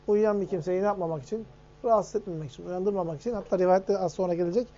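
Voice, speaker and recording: Fast-talking man teaching hadith. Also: sits high, mellow. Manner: reads Arabic text fast, then explains it in Turkish with questions to the audience. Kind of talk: lecture on hadith. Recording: dull lo-fi recording.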